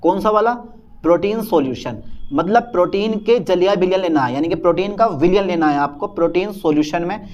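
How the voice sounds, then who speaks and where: A male chemistry teacher giving a casual, lively lecture and playing both teacher and questioning student in a back-and-forth. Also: high-pitched, a little fast, muffled recording. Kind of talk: casual Hindi classroom lecture.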